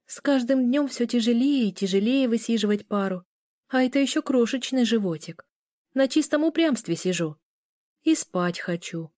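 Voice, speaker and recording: A woman doing a tired, soft-spoken young mother-to-be. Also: on the high side, lively intonation, normal speed, no room sound, studio quality, voice pushed up, close to an everyday voice. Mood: weary. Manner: weary, complaining softly. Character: tired young pregnant woman, student, gentle.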